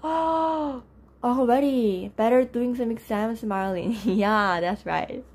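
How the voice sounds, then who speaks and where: A young woman hosts a live language class from her desk, pitched a little high but rough and low this morning because she just woke up. She keeps up a chatty running talk with the viewers, greeting them by name and laughing easily. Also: slow pace, a little mellow. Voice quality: lower, rough voice from just waking up. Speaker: Korean language teacher. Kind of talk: live-streamed lesson with chat.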